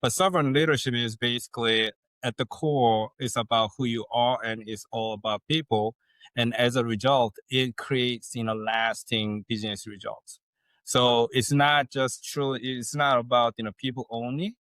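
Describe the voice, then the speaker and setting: A man, a guest on a podcast interview who explains things in a measured way with folksy sayings. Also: mid-range voice, fairly even intonation, fairly bright tone, dry recording. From South Korea. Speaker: guest, leadership consultant.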